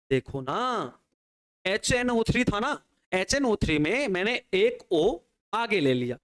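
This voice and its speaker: A man with a fairly high voice teaches an online exam-prep chemistry lecture. He talks through each reaction step by step. He often poses a question and answers it on the students' behalf. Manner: explains step by step at a working pace.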